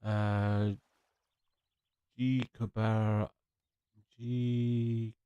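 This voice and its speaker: A young streamer from England talks very slowly as he games, rambling and chatting with viewers in a congested, sniffly voice. The voice is fairly low, level, dark and smooth, with no echo.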